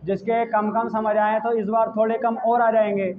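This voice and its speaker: A man's voice: high-pitched, little pitch movement, normal speed. A man teaching English tenses in a coaching class, scolding and teasing students directly. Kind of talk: classroom English grammar lesson. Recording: tinny phone-like classroom recording with faint noise.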